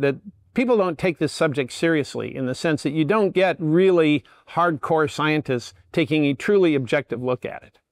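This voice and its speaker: Older male lecturer who lays out his points step by step, slightly raised pitch, dry close sound. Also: dry recording. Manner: plain, methodical explaining. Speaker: guest lecturer. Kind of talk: public lecture.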